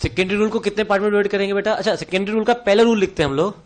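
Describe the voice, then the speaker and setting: A man with a high voice and Indian English accent runs a revision lecture in a classroom. He fires question after question at his students, calling them "beta" and answering them himself. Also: steady tone, rapid-fire. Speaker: teacher.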